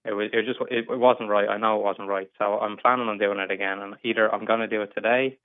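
A man's voice: fairly low pitch, fairly even intonation, fast, clear, resonant tone, no room sound. A man in his twenties calling in, hesitant and stammering through many restarts. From England. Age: 20s. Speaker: caller. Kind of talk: casual advice call. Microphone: phone. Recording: tinny phone line.

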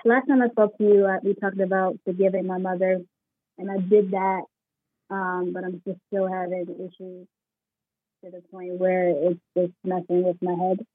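A woman's voice: fairly low pitch, little pitch movement, moderate pace, breathy edge. A woman in her thirties calling in, hesitant and full of fillers, her voice muffled as if heard through a wall. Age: 30s. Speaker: caller. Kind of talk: call-in conversation. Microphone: phone held away from the mouth. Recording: muffled tinny phone line.

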